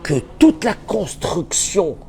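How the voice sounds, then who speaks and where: A man's voice: sits high, sing-song, slow pace, creaky, slight background noise. Emphatic male rabbi giving a lesson. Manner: emphatic, repeats key phrases, swings between loud and soft. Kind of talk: Torah lesson.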